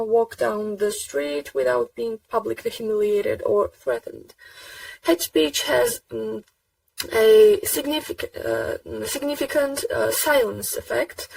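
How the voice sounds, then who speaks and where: A woman giving a prepared academic presentation over a video call, with a halting, deliberate delivery. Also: a little high, gravelly, a little mellow. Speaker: conference presenter. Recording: distant mic on video call.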